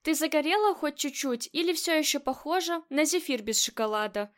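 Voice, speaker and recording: A doting middle-aged husband speaking softly and fondly, an audiobook character given a high voice by a woman reader. His tone stays gentle and loving throughout. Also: animated, fairly quick. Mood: tender. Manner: soft and affectionate.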